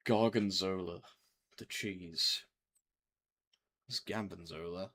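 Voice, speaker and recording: A man's voice: low-pitched, steady tone, takes it slowly, a bit bright. A man giving casual, slangy gameplay commentary, often muttering to himself and swearing. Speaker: video game streamer.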